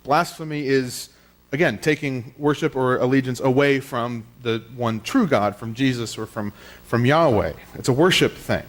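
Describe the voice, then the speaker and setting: Standing at the pulpit mic of a church sanctuary, a man preaches a teaching sermon at ordinary speed and medium pitch. He keeps it plain and conversational, dropping in little filler words as he explains.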